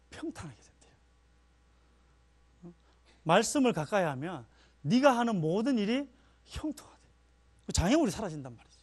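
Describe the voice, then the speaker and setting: A male pastor giving a chatty sermon, telling personal stories and laughing at himself. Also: high-pitched. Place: church.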